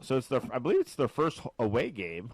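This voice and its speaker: A man co-hosting a podcast, chatting about football in a jokey, excitable way. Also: quick pace, no echo. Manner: animated, jokey, swings pitch high when excited. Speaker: podcast co-host. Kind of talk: casual sports chat.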